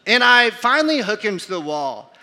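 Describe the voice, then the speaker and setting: A man in his thirties preaching a sermon, telling a self-mocking story in an animated way and acting out the voices. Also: high-pitched, normal speed. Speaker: pastor. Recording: reverberant hall.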